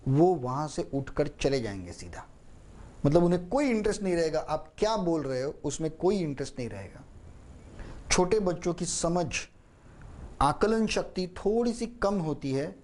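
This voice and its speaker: Man, speaking trainer, slow deliberate delivery, animated high voice, stresses key words. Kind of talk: instructional talk with demonstration storytelling.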